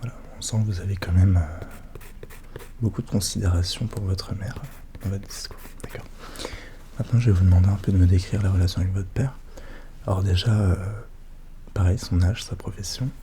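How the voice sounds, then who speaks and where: A man doing a soft-spoken, ASMR role-play as a psychologist, questioning gently and attentively in a hushed voice that drifts into speaks softly. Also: sits low, steady tone, a little fast, background noise. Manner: gentle, attentive questioning with short murmured acknowledgements.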